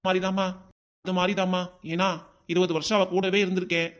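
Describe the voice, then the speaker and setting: A man's voice: high-pitched, little pitch movement, brisk, a bit bright, clean tone. A man voicing a stern older village father-in-law in a cartoon, scolding and lecturing his family.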